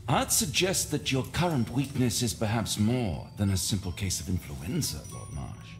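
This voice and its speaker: A man's voice: on the low side, sing-song, normal speed, music in the background. A man acting an earnest, formally spoken Victorian English doctor in a video game. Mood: polite concern. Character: earnest, concerned Victorian gentleman doctor, Holmes's companion.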